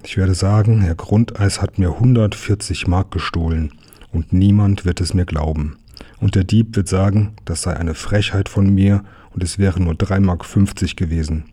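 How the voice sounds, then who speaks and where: A man voicing an earnest, polite young boy, in a low, husky voice. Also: fairly even intonation, moderate pace, dark tone. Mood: worried.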